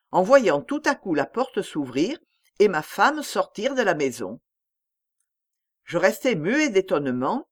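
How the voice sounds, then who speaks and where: Expressive woman audiobook narrator. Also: lowish voice. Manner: measured storytelling, lively intonation. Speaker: audiobook reader.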